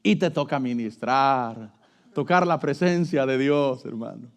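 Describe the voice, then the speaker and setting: A man's voice: mid-range voice, a little slow. A middle-aged man preaching a sermon, emphatic and storytelling, calling listeners brother.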